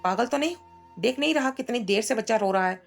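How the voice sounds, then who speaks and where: A woman's voice: a little high, lively intonation, fast talker, creaky, faint music behind, pitched above the performer's own voice. A woman voicing a stern, short-tempered young father who scolds harshly. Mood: angry.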